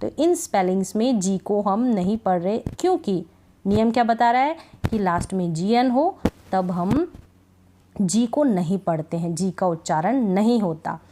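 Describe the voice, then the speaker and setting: A woman with an ordinary mid-range voice teaches a phonics lesson in Hindi. She drills word after word at a slow, patient pace and keeps checking that her learners have followed. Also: medium pitch, animated, dark tone, slight background noise. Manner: slow, repetitive drilling of words, frequent "thik hai" check-ins. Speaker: English reading teacher.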